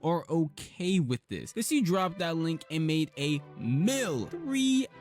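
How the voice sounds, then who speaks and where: A young man delivering scripted commentary narration in an animated, storytelling way. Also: fairly high pitch, slow pace, soft background music.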